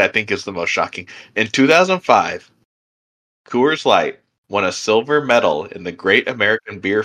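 A man's voice: deep voice, bright, forceful tone. A young man co-hosting a beer podcast, chatting casually with lots of fillers and easy laughter. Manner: rambling, filler-heavy, laughs easily. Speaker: podcast co-host. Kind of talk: casual chat.

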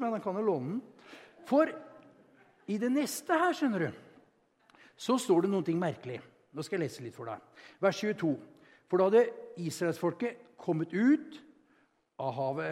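Lively preacher in a reverberant hall. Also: male voice, on the high side. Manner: lively, conversational preaching that swings between loud excited bursts and quiet asides. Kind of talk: sermon. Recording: church hall with long reverb.

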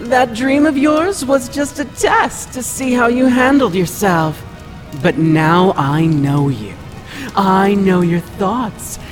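An actress playing a boastful, theatrical cartoon villainess with a grandiose, melodramatic delivery. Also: female voice, medium pitch, slow pace, close to an everyday voice. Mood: gloating. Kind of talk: animated comedy voice acting. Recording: music behind the voice.

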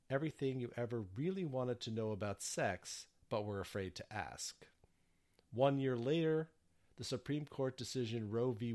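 A man reading his prepared theater reviews in a measured scripted narration. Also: fairly low pitch, darkish tone.

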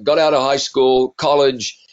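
A middle-aged evangelist and TV presenter tells his story in interview answers, animated, jokey and self-deprecating. His New Zealand accent has been softened by decades in the US. His voice sits mid-range at a moderate pace, clean in tone but captured with lo-fi sound.

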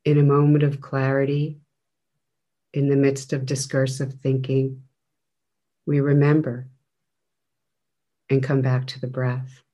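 Slow, even-toned man guiding meditation. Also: mid-range voice. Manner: gentle, measured, with long pauses between phrases. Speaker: meditation teacher. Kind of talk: guided breath meditation.

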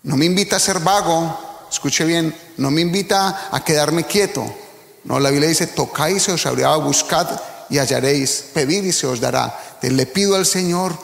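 A man's voice: on the high side, moderate pace, gravelly. Pastor man preaching in an echoey hall. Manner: earnest, rising to fervent preaching. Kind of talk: sermon. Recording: echoey hall with long reverb.

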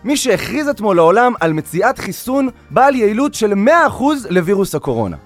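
A man's voice: high-pitched, sing-song, soft background music. An actor playing a veteran male TV interviewer who stumbles and apologizes, in a comedy audio drama. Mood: grandiose. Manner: showy, then stammering and apologetic. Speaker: talk show host.

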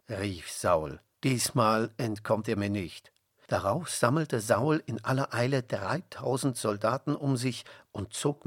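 A man reading a Bible story aloud for children, expressive, with whispered and called-out character lines. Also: lowish voice, slightly rough, dry recording, clean studio sound.

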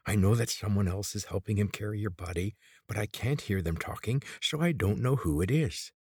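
A man with a husky low voice reading the lines of a desperate, threatening old man who snaps his commands. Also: brisk, a little mellow, dry recording, studio quality. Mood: menacing. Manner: snapping, threatening.

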